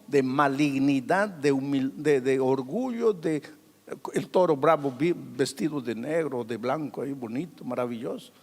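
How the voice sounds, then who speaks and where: High-voiced preacher in a reverberant hall. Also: male voice. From Peru. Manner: dramatic preaching, acting out quoted voices, swings from loud to hushed. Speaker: pastor. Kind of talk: sermon.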